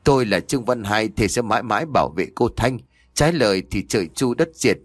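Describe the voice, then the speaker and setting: A man voicing a calm, loyal young husband who makes promises in a storybook reading. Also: on the low side, fairly quick, dry recording. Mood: earnest. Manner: calm, reassuring.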